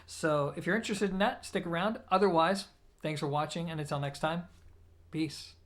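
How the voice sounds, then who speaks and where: The host of an audio equipment review channel walks viewers through an informal product comparison, speaking directly to them. The voice is medium-pitched, at a normal speed, and the explanations are conversational.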